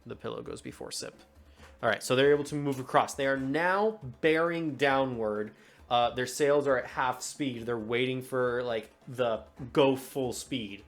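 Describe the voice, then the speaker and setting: A man's voice: medium pitch, measured pace, soft background music. A man running a tabletop game as game master, narrating in a loose, chatty way. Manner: loose and chatty, fumbles with tools mid-scene.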